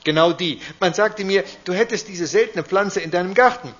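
A man voicing a small, proud and excitable male grand duke with a high, loud, haughty voice. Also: moderate pace. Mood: eager. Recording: dull lo-fi recording.

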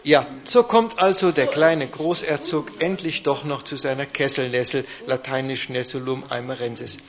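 A man reading a children's fairy tale aloud in a lively, expressive way. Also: mid-range voice, normal speed. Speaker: storyteller. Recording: dull lo-fi recording.

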